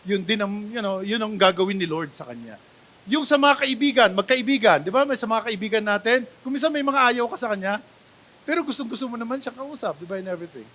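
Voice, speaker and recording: A high-voiced male pastor with a Filipino accent delivers a fast sermon full of lively intonation. He mixes English with Tagalog, swings between shouted exclamations and quiet asides, and regularly turns to the congregation.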